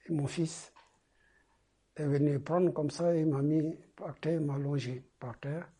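A man preaching a testimony sermon in a halting way, repeating his phrases and swinging between loud urging and soft murmurs. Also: fairly high pitch, fairly even intonation, slightly rough.

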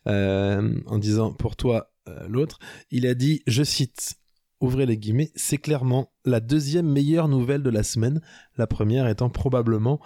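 A man's voice: mid-range voice, moderate pace, dark tone, no room sound. A playful man co-hosting a casual comedy podcast, bantering with his co-host and hamming up the mail he reads aloud. His voice sits in a middle register, recorded close and dry with no room sound. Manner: playful, reads listener mail with mock English accent.

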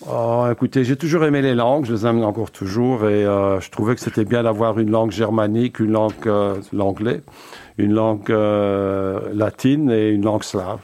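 In a laid-back interview, a Belgian-born company founder in his seventies recalls his career at normal speed. He has a mellow, lowish voice with fairly even intonation, and his answers are full of hesitations and restarts.

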